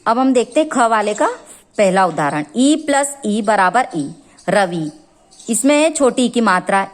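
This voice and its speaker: A woman teacher walks through a grammar lesson at an unhurried pace. Her voice sits fairly high, and she breaks each rule into small steps, posing questions and answering them herself. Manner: explains step by step, asks and answers her own questions. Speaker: school teacher.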